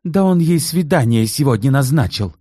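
A spiteful old woman, as a male reader puts her on, shrieking high and nagging. Her voice leaps about with heat, in a dry close recording. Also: animated, normal speed, dark tone, slightly rough, no echo. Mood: scornful shrill. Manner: shrill, scornful, nagging. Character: spiteful, shrill old mother, scornful.

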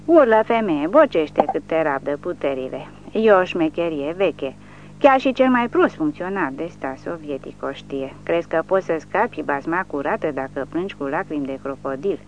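A reader voicing a drunk, bullying man who is a Soviet village official, shouting insults in an audiobook. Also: on the high side, expressive, lo-fi sound, slight background noise. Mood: ranting.

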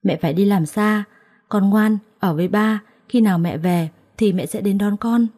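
A woman voicing a gentle, sorrowful mother soothing her daughter in a storybook. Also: mid-range voice, normal speed, natural voice. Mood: tender. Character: tender, sorrowful mother, young adult woman.

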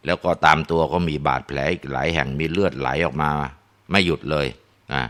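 A man narrating a ghost story in a relaxed way, with frequent tag particles and filler sounds. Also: extremely low pitch, a little fast.

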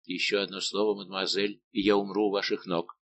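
A man's voice: low-pitched, little pitch movement, a little fast, vocal fry, a bit bright, no echo, exaggerated voice. A man voicing a passionate, lovesick young king who speaks insistently, in an audiobook. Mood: impassioned.

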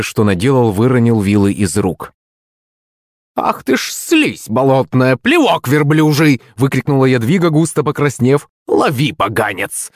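Male audiobook narrator, first-person fantasy, animated, dry close sound. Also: mid-range voice, no room sound.

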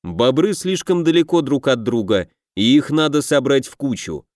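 A man's voice: medium pitch, animated, moderate pace, darkish tone, no room sound, clean studio sound, lightly acted. A man doing a stern barking commander. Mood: commanding. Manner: barking orders. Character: stern commanding male leader, future king.

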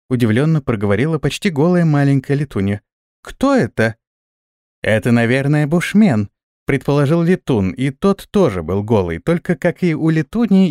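A man reads a fantasy story aloud in an expressive way. His pitch moves a lot, and his voice sits in the middle range. The close mic gives a dry sound with no room. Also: no room sound. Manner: expressive, lively reading. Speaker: audiobook narrator. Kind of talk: scripted fantasy narration.

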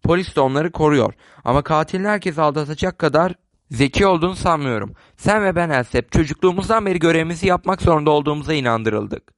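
A polite, chatty elderly spinster, kindly on the surface but sharp underneath, read aloud by a man. The voice sits a touch high with a dry, close sound and no room around it. A storybook reading paced calmly. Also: fast, no room sound. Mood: gentle. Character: elderly English spinster woman, gentle and shrewd.

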